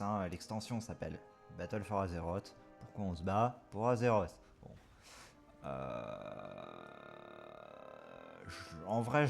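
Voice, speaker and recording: A man giving casual live reaction commentary as a gaming streamer, hesitant and rambling as he thinks aloud. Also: low voice.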